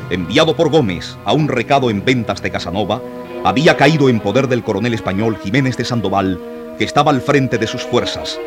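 A man giving dramatic scripted narration of historical events for a radio drama, in a solemn, heightened manner. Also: lowish voice. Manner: solemn, rising to heightened intensity in battle passages. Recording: narration over loud music.

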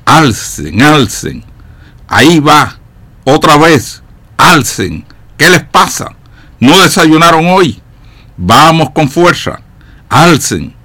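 A man voicing a bossy, proud army sergeant who shouts orders at his soldiers. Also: a little high, big pitch swings, slow, pauses often, dry recording, voice pushed up, heavily acted. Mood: impatient.

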